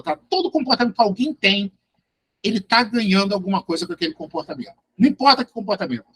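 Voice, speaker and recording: This man's voice sits high with a fairly bright tone, carrying a Brazilian Portuguese accent. He's a psychologist teaching a class in a live online lecture, talking straight to his audience with emphasis and often ending lines with "right?".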